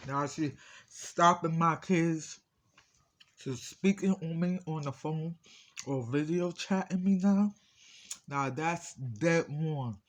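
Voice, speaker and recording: Man, higher-pitched, eating as he talks with a full mouth; slow, aggrieved, casual storytime delivery. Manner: talking with mouth full while eating, in short halting phrases; aggrieved, insistent, repeating phrases. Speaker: vlogger.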